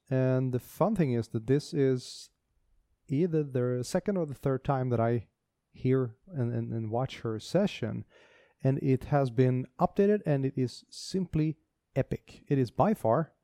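Man, podcast co-host, mellow warm tone, dry close mic, enthusiastic rambling chat. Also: medium pitch, no echo. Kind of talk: casual tech podcast chat.

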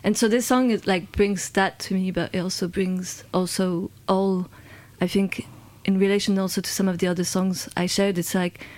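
A woman from London talks as a guest in an interview, speaking at a middling pitch. She hesitates often, restarting her phrases and filling gaps. Her intonation stays flat. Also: normal speed, few pauses. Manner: hesitant, with frequent fillers and restarts. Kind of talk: conversational interview.

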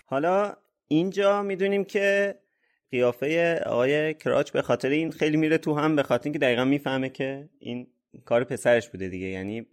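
A man co-hosting a podcast, chatting casually about a book chapter. He is easygoing and laughs often. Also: on the high side. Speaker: podcast co-host.

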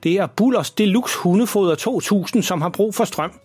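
A cross, bossy older woman next door, as a male storyteller puts her on, lifting his voice higher to scold and complain. The voice is slightly husky and sits close and dry, with soft music faint behind. She sounds forever indignant, as in a children's audio story. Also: no echo.

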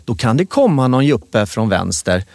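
A man's voice: medium pitch, big pitch swings, vocal fry, no room sound, clean studio sound. A man co-hosting a podcast, teasing his partner in casual chat. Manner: teasing, bursts into shouting impressions. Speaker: podcast co-host.

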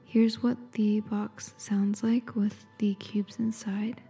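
A woman in an intimate ASMR whisper, close as if right in the listener's ear, calmly describing and reading aloud without hurry. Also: medium pitch, slow pace, faint music behind. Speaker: ASMR host.

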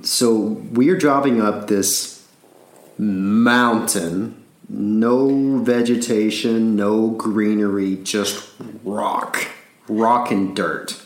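A man's voice: on the low side, steady tone, extremely slow, echoey room. A man from Alabama with a Southern accent, rambling through a casual story with frequent laughs and repeated words.

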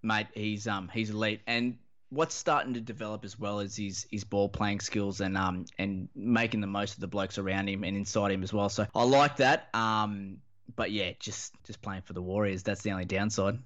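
A man's voice: lowish voice, steady tone, moderate pace, a bit bright. A man with an Australian accent chatting casually about sport in a laconic, blokey, slangy drawl, as a podcast panellist. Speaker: fantasy rugby league podcast panellist. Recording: dull, lo-fi audio.

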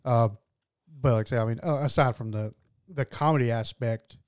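A man co-hosting a podcast, talking about movies in a relaxed way and laughing often. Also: mid-range voice, brisk, smooth, no echo, studio quality. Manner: laid-back, laughs often, many fillers. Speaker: podcast co-host. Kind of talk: casual film chat.

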